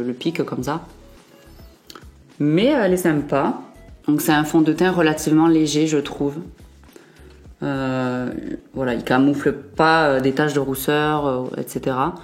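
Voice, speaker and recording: Soft music plays behind this young woman, a beauty vlogger whose deep, slightly mellow voice keeps a moderate pace. She talks through a makeup review in a relaxed way, full of fillers and frequent self-corrections.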